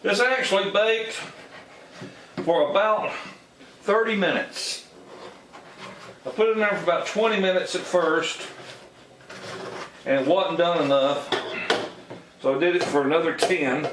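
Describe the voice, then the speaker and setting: A man's voice: sits high, unhurried, pauses often, a bit bright, a little hiss or hum. An older man, showing how he bakes a cake at home in a casual, homespun way. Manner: homespun, folksy, savoring with hums. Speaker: home baking vlogger. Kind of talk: casual kitchen demonstration. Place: home kitchen. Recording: roomy kitchen with faint ambience.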